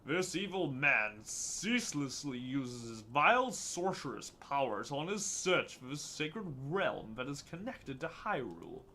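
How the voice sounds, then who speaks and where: Casting: an ancient tree spirit, male, grave and slow, with archaic phrasing and a bright, slightly high voice, read aloud by a man. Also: big pitch swings, a little hiss or hum, exaggerated voice. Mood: solemn. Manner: slow, archaic, solemn recitation. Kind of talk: reading game dialogue aloud.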